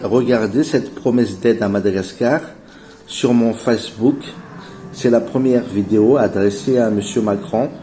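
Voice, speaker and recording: A man in his forties giving an earnest, persuasive investment pitch as voice-over narration, addressing his viewers as family. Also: mellow, a little hiss or hum. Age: 40s. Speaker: channel host pitching an investment project.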